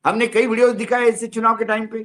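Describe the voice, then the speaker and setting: A man's voice: extremely high pitch, little pitch movement, fast talker, fairly bright tone. A man commenting on politics in a studio discussion, heated and rhetorical, repeating his points.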